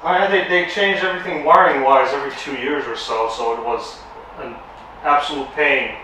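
A man in his thirties from Romania, a car owner chatting casually about his build, relaxed with frequent fillers. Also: medium pitch, normal speed, a little hiss or hum. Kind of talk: casual chat. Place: tuning workshop, indoors. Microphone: far camera. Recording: echoey workshop from far off.

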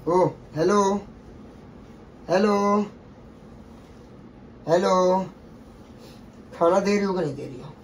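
Young man, high-pitched, slow-talking, pleading and mock-threatening, distant mic with faint room noise. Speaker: vlogger pranked by girlfriend. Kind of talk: casual couple vlog banter.

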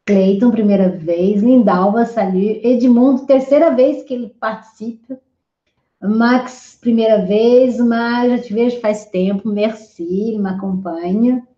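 Lively woman teacher greeting live viewers. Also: on the high side, measured pace. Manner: lively, reads out viewer comments and greets each by name. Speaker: French teacher hosting a live class. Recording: roomy, dull lo-fi stream audio.

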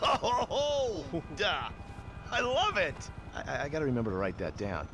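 A man's voice: on the high side, very animated, unhurried, over music. An actor playing a sarcastic, threatening male government agent boss in a video game cutscene. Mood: mocking. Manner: sarcastic, jeering laughs, threatening. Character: male agent boss, mocking then menacing. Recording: game audio under loud gameplay noise.

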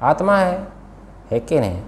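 A man's voice: fairly high pitch, big pitch swings, a little slow. A man teaching a scripture class in an Indian accent, questioning his students and repeating key words. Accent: Hindi-speaking Indian. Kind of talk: classroom lesson, explaining a text.

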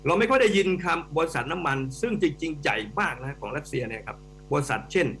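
A middle-aged man with a fairly high voice gives animated, emphatic commentary as a guest on a radio talk show. He turns to address the hosts directly as he explains. A faint electrical hum runs under the studio recording. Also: fast talker. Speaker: economics professor guest.

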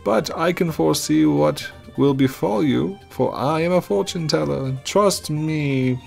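Guy doing an eerie old game fortune teller, high pitched, drawn out and grandiose. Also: a little slow, gravelly, faint music behind. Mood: ominous, grandiose.

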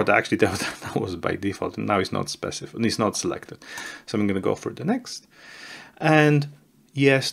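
Low gravelly man walking through software. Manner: conversational, restarts and repeats words, stresses key warnings. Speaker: software tutorial presenter. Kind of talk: casual screen-share tutorial.

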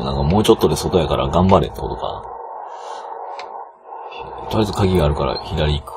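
A man with a Kansai accent giving casual let's-play commentary, excitable and bursting into loud yelps and cries, on a noisy old home recording. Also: low voice. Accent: Kansai Japanese. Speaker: game commentator.

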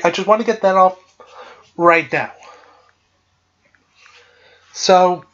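A man's voice: high-pitched, a bit bright, lo-fi sound. A man hosting a podcast, casually recapping a video game plot in a rambling, filler-heavy way.

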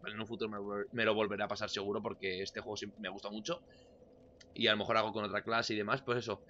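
A young man from giving casual let's-play commentary, excitable and swinging between loud outbursts and muttering. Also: medium pitch, dull audio, slight background noise. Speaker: gameplay commentator.

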